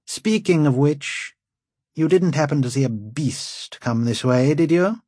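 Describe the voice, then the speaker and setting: A man's voice: on the high side, measured pace, darkish tone, no room sound, clean studio sound, voice pushed up. A man voicing a haughty noble lord who rides nude and hunts in the swamps, pompous and mocking.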